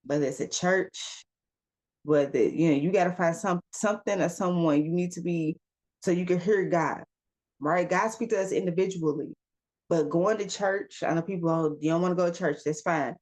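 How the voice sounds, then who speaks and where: Lady coach talking to y'all, kinda low voice, asks question after question. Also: darkish tone. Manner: asks rapid rhetorical questions, calls listeners y'all and baby; emphatic, coaching. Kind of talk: casual self-help talk.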